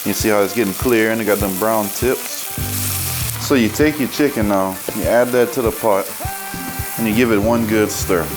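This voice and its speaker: A man's voice: fairly low pitch, moderate pace, over music, poor audio. A man with a Cajun accent hosting a casual cooking demonstration as the chef, talking in a folksy, colloquial way. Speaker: cooking show host and chef.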